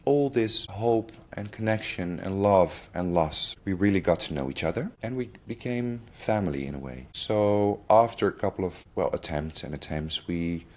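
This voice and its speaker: Deep-voiced man telling a painful story. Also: expressive, a little mellow. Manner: halting, with restarts and fillers. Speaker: podcast guest sharing his family story. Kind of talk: candid interview talk.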